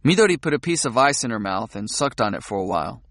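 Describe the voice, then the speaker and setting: A man narrating a novel in a calm, measured first-person audiobook reading. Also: mid-range voice, no echo, clean studio sound.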